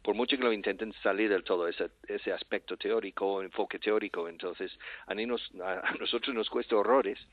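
An older Texan man with a marked American accent, speaking Spanish as a second language on a radio call. His voice sits low and comes through a narrow, tinny phone line, dry and close, with no room sound. He rambles animatedly and restarts his phrases often. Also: a little fast, hardly any pauses, no echo. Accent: American English accent in Spanish. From Texas, USA. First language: English. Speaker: guest, English-teaching entrepreneur. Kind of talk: radio interview.

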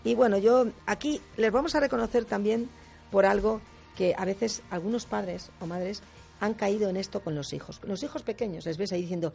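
A woman with a gravelly, creaky voice talks as a radio guest in a lively, explanatory way. She keeps tossing in short tag questions and slips into acted quotes. Her pitch sits in a middle range. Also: moderate pace, soft background music. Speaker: guest speaker on difficult personalities. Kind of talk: radio talk chat.

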